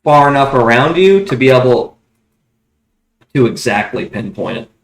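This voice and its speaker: A man's voice: mid-range voice, very animated, moderate pace, gravelly. A man working as game master, narrating a tabletop fantasy game in a casual, conversational way. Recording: roomy, echoing room recording.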